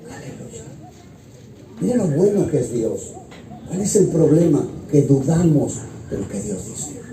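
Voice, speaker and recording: A man, an evangelist pastor, preaching an impassioned sermon that swings between loud high exclamations and low hushed phrases. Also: big pitch swings, unhurried. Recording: roomy and distant with loud music. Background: loud music.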